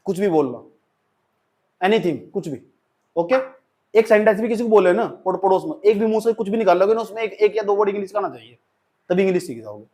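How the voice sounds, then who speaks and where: High-voiced Indian man teaching a class. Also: expressive, a little fast, mellow. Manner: mixes Hindi and English, acts out sample sentences. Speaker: English teacher. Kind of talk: classroom lecture.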